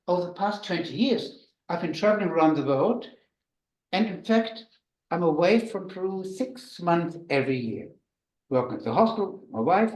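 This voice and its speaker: A man with a German accent, a doctor telling anecdotes to an audience in a halting way with dry humor. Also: high voice, a little mellow, reverberant, rough recording. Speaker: missionary doctor giving a talk. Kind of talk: storytelling talk to an audience.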